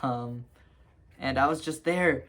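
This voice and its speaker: A man's voice: mid-range voice, slow pace, a bit bright. Young man rambling through a storytime. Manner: rambling, lots of fillers and restarts, laughs at himself. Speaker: vlogger telling a story. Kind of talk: casual storytime.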